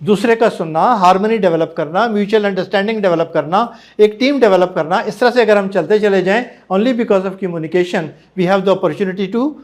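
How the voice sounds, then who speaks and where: ऊँची आवाज़ वाला पाकिस्तानी लहजे का पुरुष प्रशिक्षक. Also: male voice, high-pitched, moderate pace, hardly any pauses. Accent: Pakistani. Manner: encouraging, mixes Hindi-Urdu with English. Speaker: trainer. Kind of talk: classroom feedback.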